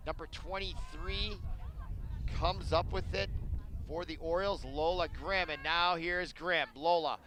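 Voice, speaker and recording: A man's voice: a little high, fairly even intonation, measured pace, background noise. A man giving live play-by-play sports commentary outdoors, mixing calls of the action with conversational, explanatory asides. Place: outdoors beside a sports field.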